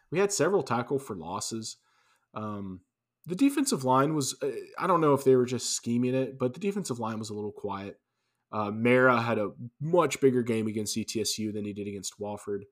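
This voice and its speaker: Male podcast co-host, mid-range voice, easygoing sports banter with dry asides. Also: mid-range voice. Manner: loose, restarting, wry asides. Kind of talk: casual sports chat.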